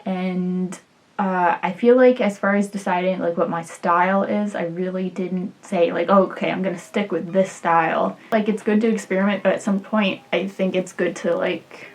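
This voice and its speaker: A woman's voice: fairly low pitch, steady tone, normal speed. A woman in her late twenties, an illustrator, chatting casually and self-deprecatingly about herself, with many "like"s and "um"s. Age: 20s. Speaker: illustrator and vlogger. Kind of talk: casual get-to-know-me chat.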